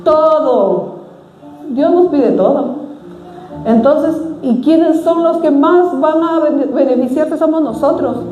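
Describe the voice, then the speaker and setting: Middle-aged woman preacher, earnest and halting, mellow tone, recorded in a reverberant church hall. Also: sits high, faint music behind. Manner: earnest, exhorting, with frequent hesitations. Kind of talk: sermon.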